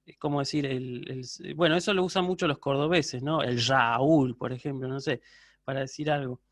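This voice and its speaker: A man's voice: mid-range voice, fairly even intonation, brisk, dry recording. A man with an Argentine Spanish accent, giving a university class online, explaining patiently and checking constantly that students follow. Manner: answers student questions live. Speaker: university lecturer.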